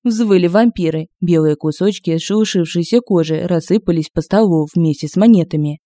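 A woman narrating a humorous fantasy audiobook in an expressive, lively storytelling manner, recorded on a close home-studio mic. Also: on the low side, normal speed, dry recording.

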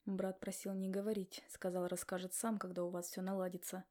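A woman reading an audiobook puts on a sullen young man whose low, warm voice growls and snaps. He answers tersely and guards himself. His tone is dark and mellow. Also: level tone, a little fast, natural voice. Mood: tense. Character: brooding, curt young man, growling and defensive. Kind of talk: audiobook character voicing.

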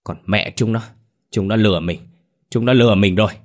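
A man's voice: on the low side, steady tone, moderate pace, natural voice. A man voicing a furious, cursing husband in a storybook tale. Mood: enraged. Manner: snarling, cursing. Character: furious scheming husband, middle-aged man.

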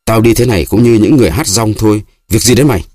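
A man reading an audiobook voices a proud, hysterical destitute widow, pleading and scolding in a raised, shrill voice. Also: quick pace, darkish tone, husky, no room sound, studio quality.

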